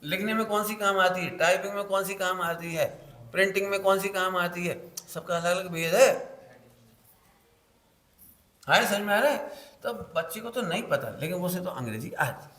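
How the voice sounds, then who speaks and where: A man's voice: sits high, moderate pace, a bit bright, roomy sound. A man giving a teaching discourse to a congregation as a Jain preacher, playful, acting out everyday examples and singing short lines.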